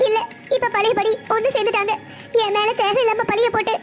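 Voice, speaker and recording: A woman's voice: extremely high pitch, flat delivery, a little fast, over music. A woman voicing a heartbroken seventeen-year-old girl in a family cartoon, complaining through tears. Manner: tearful, complaining. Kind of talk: cartoon voice acting.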